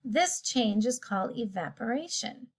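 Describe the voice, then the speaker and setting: A woman's voice: a little high, animated, measured pace, slightly rough. A woman teacher casually explaining a science lesson, often rephrasing as she goes. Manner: casual, explanatory, self-correcting.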